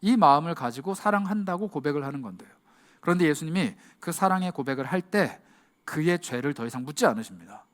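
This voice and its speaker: A male youth pastor delivering an impassioned sermon, shifting to a hush at key words and acting out quoted lines. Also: on the high side, expressive, fast talker.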